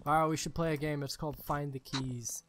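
A man's voice: on the high side, steady tone, brisk, fairly bright tone, soft background music. A man chatting playfully as he plays a game, with a hammy, theatrical mock-villain drawl. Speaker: gamer playing as a baby. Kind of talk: playful gaming chat.

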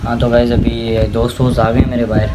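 A young man from Pakistan talks casually into his phone camera, calling his viewers guys and sometimes dropping into a low mumble. Loud traffic and street noise press in around his voice, and his pitch sits in the middle range. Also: little pitch movement, fairly quick. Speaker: vlogger. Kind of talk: casual vlog narration. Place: at home, then in a car and outdoors at night. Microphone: phone camera held by the speaker. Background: car and street noise.

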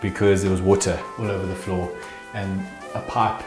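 A man's voice: low voice, little pitch movement, normal speed. A man, hosting a casual walkthrough of an empty old house and chuckling as he points things out. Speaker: house flipper and show host. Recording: echoey empty rooms, light music.

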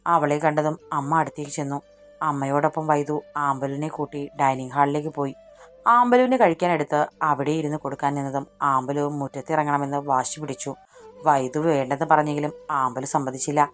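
A woman narrator reading a romantic audiobook story in a low, steady voice. Soft music plays faintly beneath her narration throughout. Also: brisk. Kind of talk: scripted narration.

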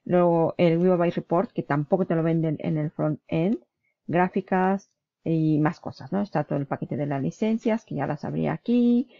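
Speaking at a normal speed in a deep, creaky voice, this woman vlogs about online business while sharing her screen casually. She chats easily, fixes her words partway through, and keeps asking "¿vale?" to check on her viewer. The audio is dull, with no echo.

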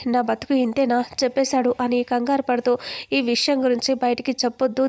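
A woman's voice: on the high side, a little mellow. A woman narrating a recap of a TV serial episode, retelling the scenes and quoting each character in the same plain voice.

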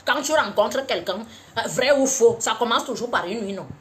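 A woman's voice: a little high, lively intonation, moderate pace. A woman giving mock-solemn, teasing comic advice in a live-streamed monologue, talking into a phone.

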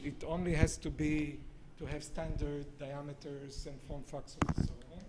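A visiting scientist and entrepreneur in his 60s presents live in a small indoor room, holding a handheld mic at varying distances. His somewhat raised voice keeps a level tone, but his delivery is halting and hesitant, with broken-up phrases, and the audio is very noisy.

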